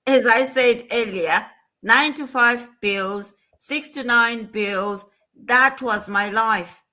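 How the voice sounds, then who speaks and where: A woman's voice: a little high, takes it slowly, bright, forceful tone. A woman hosting a motivational livestream, talking in an earnest, emphatic way and repeating her points. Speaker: livestream host.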